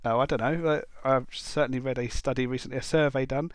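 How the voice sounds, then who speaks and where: A man's voice: medium pitch, steady tone, quick pace, a little hiss or hum. A man hosting a wildlife podcast in casual chat, jokey and self-deprecating, reading out listener messages. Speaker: podcast host.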